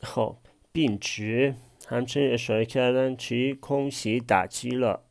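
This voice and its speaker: A man with a steady, mid-range voice, creaky and slightly mellow, teaches a language class. He works through a text phrase by phrase, asking questions and then answering them himself.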